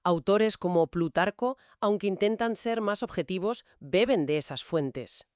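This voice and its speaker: In a relaxed podcast chat, a co-host with a mid-range voice calmly explains history, listing one point after another without hurrying. The recording is dry and close-miked, with no room sound.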